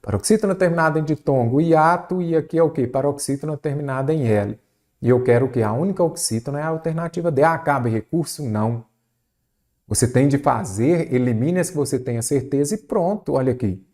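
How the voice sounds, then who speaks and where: A man teaching Brazilian Portuguese spelling for an exam, asking the viewer many quick rhetorical questions. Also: on the high side. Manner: lively, varied pace, rhetorical questions to the viewer. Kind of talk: exam-prep lesson. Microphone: recorded for an online video lesson.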